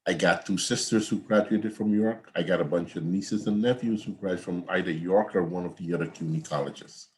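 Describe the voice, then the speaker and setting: His low voice moves a little fast with few pauses. He's an older accounting professor from Guyana, giving a rambling, chatty online lecture from home that circles back on itself and wanders off on tangents.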